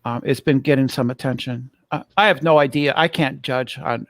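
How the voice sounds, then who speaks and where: A man's voice: medium pitch, moderate pace, no room sound. A man in a casual online panel chat who had taken part in a debate, jumping in eagerly.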